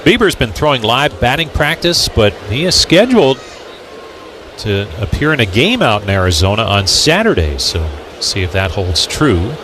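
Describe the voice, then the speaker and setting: Calling a baseball game live on radio, this American play-by-play announcer speaks at medium pitch and normal speed, his pitch swinging widely. The sounds of an outdoor ballpark come through clearly.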